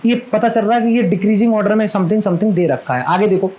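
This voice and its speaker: A man's voice: sits high, quick pace, a little mellow, lo-fi sound. A male maths teacher giving a live classroom lecture, chatty and fondly scolding, who keeps asking his students questions.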